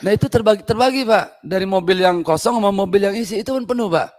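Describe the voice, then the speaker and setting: A man's voice: high-pitched, quick pace, a little mellow. A man from Indonesia testifying as a local resident at a parliamentary hearing, earnest and emotional, deferentially addressing the officials again and again. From Indonesia, Parung Panjang. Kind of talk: impassioned public testimony.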